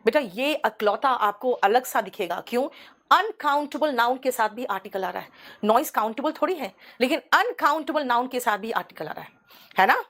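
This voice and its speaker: A woman's voice: a little high, animated, moderate pace, a bit bright. Woman teaching English idioms. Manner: explains patiently, calls students "beta". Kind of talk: online class lecture. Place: studio.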